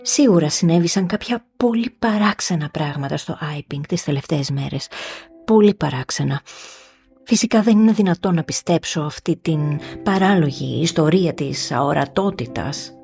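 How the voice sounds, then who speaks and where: A woman reading the lines of a fussy, easily flustered gentleman in an audiobook story. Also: sits low, animated, creaky, faint music behind.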